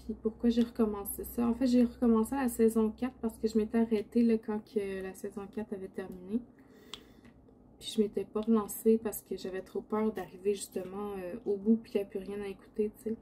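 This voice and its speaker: A woman's voice: mid-range voice, little pitch movement, fairly quick, mellow, slight background noise. A woman with a Quebec French accent chats casually while crafting, rambling a little in a sleepy morning voice. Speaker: diamond painting video host. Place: indoor home craft setup.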